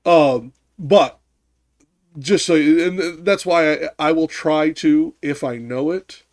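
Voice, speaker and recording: A man hosting a casual live-stream discussion who rambles, restarts his sentences, fills pauses with ums and swears now and then. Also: fairly high pitch, darkish tone, dry recording. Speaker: streamer host.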